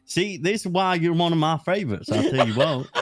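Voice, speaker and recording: A man's voice: a little high, big pitch swings, fairly quick, background noise. A man playing a police superior in a roleplay, stern and scolding, swearing casually. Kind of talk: in-character roleplay banter.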